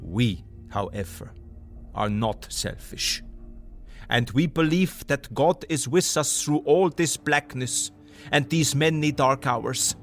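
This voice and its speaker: Van Helsing, fervent older professor. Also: male voice, medium pitch, slow pace, soft background music. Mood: solemn, resolute. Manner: foreign, ungrammatical English, emphatic oratory. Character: earnest older male professor, vampire hunter, eccentric and fervent. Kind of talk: audio drama acting.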